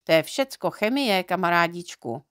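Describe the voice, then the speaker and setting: A woman's voice: on the low side, animated, a bit bright, clear, resonant tone, no room sound, clean studio sound. A woman voicing a friendly, chatty male driver in a storybook reading, explaining things at length.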